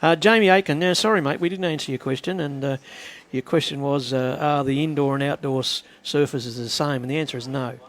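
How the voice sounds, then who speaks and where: A man with a slightly high, gravelly voice calls a bowls match. He talks steadily, explaining shots and answering viewer questions. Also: a little fast, hardly any pauses. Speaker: bowls commentator. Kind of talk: live sports commentary.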